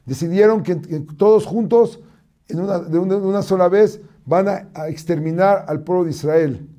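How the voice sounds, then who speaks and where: Rabbi telling stories, kinda high but mellow voice, lots of restarts. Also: male voice, normal speed. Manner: storytelling, acts out cries in a raised voice, frequent restarts. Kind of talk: sermon-style teaching talk.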